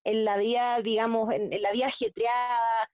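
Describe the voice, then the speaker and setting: A Chilean woman with a fairly high voice talks as a guest in a casual interview. She speaks haltingly, with frequent fillers and restarts. The sound is dry and close, with almost no room echo. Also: flat delivery, a little mellow. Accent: Chilean Spanish. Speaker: guest athlete.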